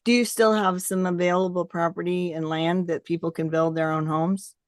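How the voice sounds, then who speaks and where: A woman's voice: on the low side, flat delivery, normal speed, no echo, studio quality. An older woman hosting a casual, conversational interview. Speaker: interview host.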